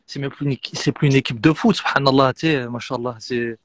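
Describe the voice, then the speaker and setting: Man, mid-pitched, dry sound, lively anecdote teller. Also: fairly quick, no echo. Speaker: live stream participant. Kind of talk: casual chat.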